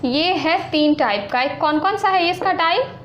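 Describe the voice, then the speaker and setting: A woman teaching an exam-prep lesson, explaining slowly and repeating points, asking questions and answering them herself. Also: extremely high pitch, animated, highs cut off. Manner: slow, repetitive explaining with questions to students. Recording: echoey room with faint noise.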